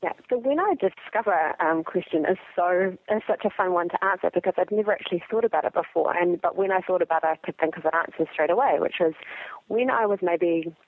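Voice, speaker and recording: A woman's voice: fairly low pitch, brisk, a little hiss or hum. A woman from New Zealand with a New Zealand accent, a psychologist answering interview questions in a chatty way, full of ums and likes, over a call. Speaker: podcast guest, psychologist. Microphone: phone or call line. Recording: tinny phone-line audio, dry.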